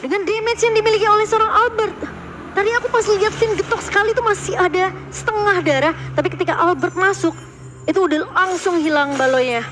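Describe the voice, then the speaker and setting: A woman with an Indonesian accent works as play-by-play caster, giving excitable live esports match commentary in a very high-pitched voice. She talks fast and draws out words in big moments, with background noise behind her.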